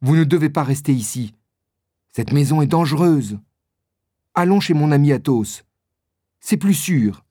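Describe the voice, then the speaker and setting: Eager polite young swordsman, narrator guy doing the voice, quick and a bit raised, dry sound. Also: on the high side, lively intonation, mellow, no room sound.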